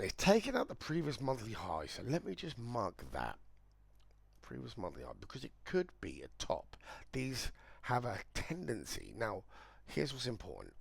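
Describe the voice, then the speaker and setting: A man with a croaky voice, talking casually and rambling while he walks through charts on a live trading stream. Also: mid-range voice. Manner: chatty, rambling, thinking aloud. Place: indoors, air-conditioned room.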